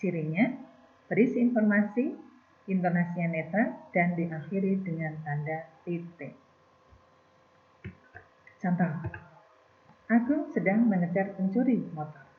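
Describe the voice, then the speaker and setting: A woman teaching a grammar lesson, explaining step by step and trailing off softly at the ends of phrases. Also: fairly low pitch, lively intonation, unhurried, pauses often. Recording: tinny phone-like recording.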